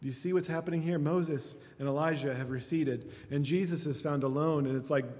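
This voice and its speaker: A man's voice: fairly high pitch, steady tone, brisk, darkish tone, long reverb tail. A male pastor preaching a sermon, building through lists with rising emphasis. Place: church.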